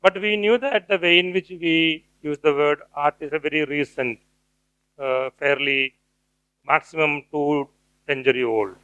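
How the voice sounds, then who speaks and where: A middle-aged man giving an academic lecture, pausing often with fillers and restarts. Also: a little high, bright, forceful tone, clear, resonant tone, no room sound, muffled recording. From India. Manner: hesitant, many fillers and restarts. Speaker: guest speaker, cultural theorist.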